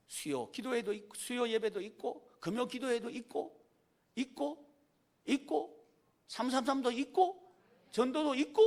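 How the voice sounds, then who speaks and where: A male pastor delivers a Sunday sermon in a church, his fairly high voice leaping wildly up and down. He keeps throwing rhetorical questions at the congregation and coaxing amens. He drops from loud calls to hushed, almost whispered lines. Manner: rhetorical questions and prompts for amen. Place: church sanctuary.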